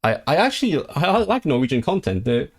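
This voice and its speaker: Reading out viewer comments during a casual livestream, this man talks from his home desk with a slightly high voice that swings widely in pitch. He's a language streamer who loves his topic, and his speech wanders, full of fillers and restarted sentences.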